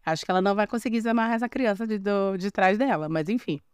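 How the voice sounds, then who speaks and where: A young Brazilian woman retells a fairy tale in a loose, chatty way, breaking off for sarcastic asides and restarting her sentences. Her voice is smooth and clear. It sounds dry and close on a podcast mic. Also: mid-range voice, fast talker, no echo. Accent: Brazilian Portuguese. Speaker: podcast host. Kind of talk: casual storytelling with commentary.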